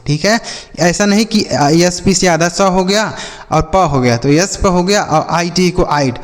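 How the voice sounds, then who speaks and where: A man's voice: high voice, a little slow. A male teacher giving a phonics lesson who repeats each answer back in a call-and-response drill and calls his listeners brother and children. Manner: repetitive call-and-response drilling, asks then answers himself; addresses viewers as "my brother" and "children". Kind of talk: classroom-style phonics lesson. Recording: long hall reverb.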